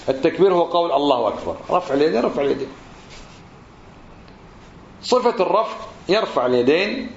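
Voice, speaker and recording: Male religious teacher, explanatory lesson style, slow drawn-out demonstrations, echoey room, muffled recording. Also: mid-range voice. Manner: drawls out phrases slowly to demonstrate pronunciation; asks the listeners rhetorical questions. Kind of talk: lesson on prayer. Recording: roomy, slightly dull recording.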